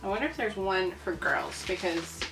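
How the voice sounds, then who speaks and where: Animated and gravelly, this video host speaks in a mid-range voice with a fairly bright tone at normal speed. She reads from old newspapers in a relaxed, chatty way, clearly amazed by the printed material. There's roomy echo and faint background music.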